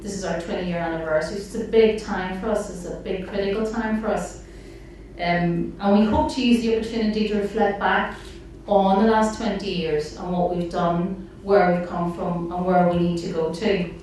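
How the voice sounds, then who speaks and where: A woman's voice: medium pitch, steady tone, normal speed, darkish tone, a little hiss or hum. A woman giving an earnest speech at an event, for the campaign organisation she works for, with some filler ums. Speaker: staff member at a campaign organisation. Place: event hall. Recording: echoey hall, mic at a distance.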